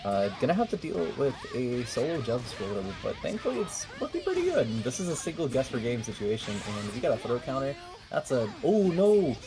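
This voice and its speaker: Male co-caster, animated analysis, background music. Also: mid-range voice, fast, crowd noise. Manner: chatty analysis, bursts of loud excitement. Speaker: tournament commentator. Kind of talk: fighting game commentary.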